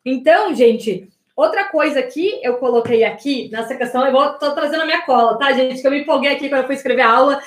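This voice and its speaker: A Brazilian woman mentor giving an energetic online class, talking straight to her viewers and asking them rhetorical questions. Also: high-pitched, fast, roomy sound. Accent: Brazilian Portuguese. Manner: energetic, addresses audience as "gente", asks rhetorical questions. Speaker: business and communication mentor.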